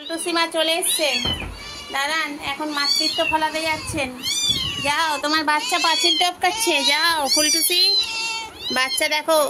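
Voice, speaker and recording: A woman's voice: high voice, heavy background noise. A woman vlogging her cats in casual chat, teasing them and talking to them as if they were children. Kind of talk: casual chatty narration to viewers and pets.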